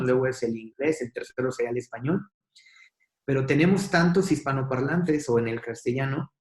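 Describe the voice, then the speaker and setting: Man telling stories in a roomy space. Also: medium pitch. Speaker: guest, communication trainer. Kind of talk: casual podcast conversation.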